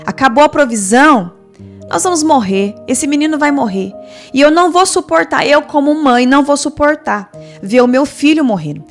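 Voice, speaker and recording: A woman's voice: high-pitched, lively intonation, moderate pace, soft background music. A woman preacher voicing a desperate young mother in the desert, anguished and pleading. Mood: despairing.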